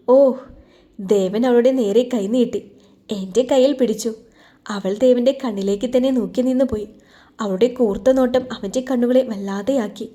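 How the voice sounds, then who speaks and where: A woman narrating a romantic story in a steady, even-paced scripted reading. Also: fairly high pitch.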